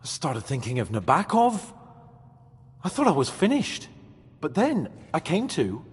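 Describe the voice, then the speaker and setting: Male game role: scared young man, very husky, high, halting, in long reverb. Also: wildly swooping pitch, full character voice. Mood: shaken, confessional. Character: frightened, shaken young man confessing his terror. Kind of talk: dramatic video game dialogue.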